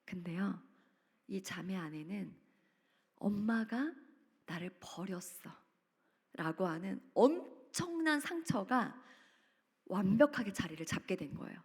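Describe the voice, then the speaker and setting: A woman's voice: medium pitch, animated, a little slow, slightly rough. A woman speaker at a church family seminar retells a story dramatically, acting out quotes with sudden leaps in her voice. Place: church retreat center hall. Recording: reverberant hall.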